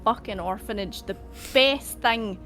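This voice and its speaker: A woman playing a tabletop game in character, playful and quick to laugh. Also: fairly high pitch, fairly bright tone, faint music behind. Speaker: player. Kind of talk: in-character tabletop role-play.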